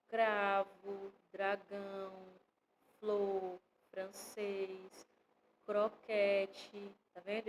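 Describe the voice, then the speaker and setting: Brazilian woman, online teacher, patient step-by-step explainer, mid-pitched voice, faint noise behind. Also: mellow, poor audio. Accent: Brazilian Portuguese. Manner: explains step by step, often checks in with "né?" and "tá vendo?". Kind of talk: online grammar lesson for children.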